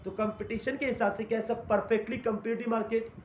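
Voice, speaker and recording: This classroom lecture, captured in an echoey room with faint background noise, features a man teaching in Hindi blended with English terms. He raises questions and answers them on his own, speaking at a moderate pace in an extremely high, steady voice.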